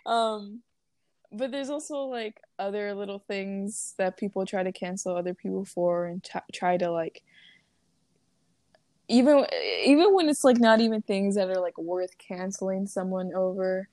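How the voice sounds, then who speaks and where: A woman's voice: medium pitch, moderate pace, a little mellow, dry recording, studio quality. A young woman co-hosting a podcast in casual chat, rambling with lots of fillers and frequent laughs. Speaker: podcast co-host.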